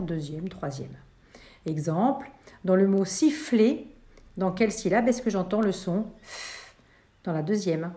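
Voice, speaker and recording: Patient French woman teacher, mellow voice. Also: medium pitch. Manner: patient, clear, spells sounds out slowly. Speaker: first-grade teacher. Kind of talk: explaining a lesson to parents.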